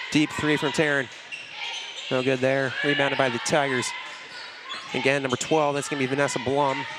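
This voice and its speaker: Guy doing play by play at a school basketball game, pretty monotone, loud gym noise and balls bouncing all over. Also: medium pitch. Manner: brisk, steady, repeats "it's gonna be". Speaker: play-by-play announcer. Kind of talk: live basketball commentary. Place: school gymnasium during a game.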